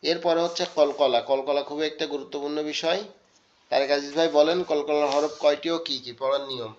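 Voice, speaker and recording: A man teaching an online Quran class, drawing out Arabic words slowly and quizzing his students. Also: a little high, fairly even intonation, muffled recording. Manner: slow, drawn-out pronunciation of Arabic words, asks students questions. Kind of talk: online Quran recitation lesson. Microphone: video call.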